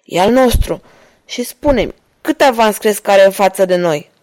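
A woman reading an audiobook, voicing a male officer who questions and gives orders in a loud authoritative way. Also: mid-range voice, expressive, lightly acted. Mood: commanding. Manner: barking, authoritative. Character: gruff male officer leading horsemen.

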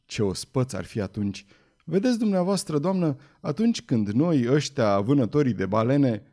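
A man reading an audiobook, voicing a talkative old whaling captain who explains things loudly and with emphasis. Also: mid-range voice, lightly acted.

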